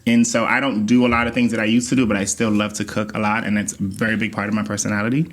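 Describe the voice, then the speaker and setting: A man from the Bahamas co-hosting a podcast with his partner, chatting casually in a playful, animated way. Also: on the low side, rapid-fire. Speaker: podcast co-host. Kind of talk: casual chat.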